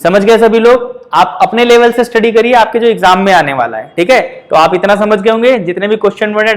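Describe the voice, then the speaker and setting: A man with a high-pitched voice and a Hindi accent teaches English grammar for exam preparation. He explains patiently, checks in often, and gives example sentences slowly.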